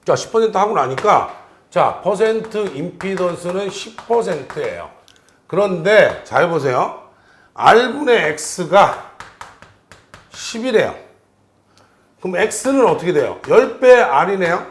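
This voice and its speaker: Male lecturer, high, lively voice, keeps quizzing students; roomy echo. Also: slow pace, pauses often. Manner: animated, questions students constantly. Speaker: exam prep instructor.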